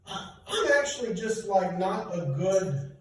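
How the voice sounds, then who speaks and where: A man's voice: high voice, expressive, a little slow, slight background noise. A middle-aged man doing a self-deprecating stand-up set for a live audience in a church hall. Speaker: stand-up comedian. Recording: echoey hall from far off.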